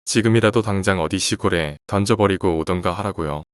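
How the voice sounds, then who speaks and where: A sharp-tongued middle-aged housewife scolding and brushing others off, as a male narrator reads her lines. The voice sits very low. The sound is dry and close, with no room around it. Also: fairly quick, dry recording, lightly acted. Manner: scolding, dismissive. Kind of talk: horror story reading.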